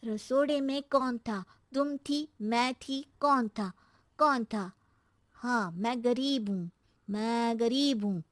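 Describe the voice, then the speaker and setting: A woman voicing a lazy, cheeky schoolboy who drawls back-talk in an animated cartoon story. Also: fairly high pitch, slow pace, no echo. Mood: playful.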